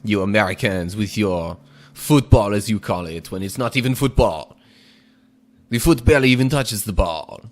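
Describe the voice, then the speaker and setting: A man hosting a gaming video gives casual commentary on the gameplay in a lowish voice. Putting on an exaggerated foreign accent, he speaks in a measured, deliberate way and chuckles now and again.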